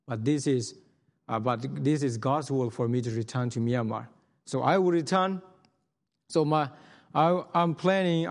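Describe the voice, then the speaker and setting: A missionary gives an earnest sermon testimony in a hall with long reverb. His medium-pitched voice has a darkish tone, and his delivery is halting, full of fillers and restarts.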